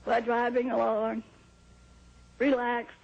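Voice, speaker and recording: An older woman from New Hampshire calmly recounting a personal experience in an interview, heard on an old VHS tape. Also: on the high side, slow pace, creaky, muffled recording. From New Hampshire, USA. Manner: calm, plain storytelling with small laughs and restarts. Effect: old VHS tape sound. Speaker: interview guest.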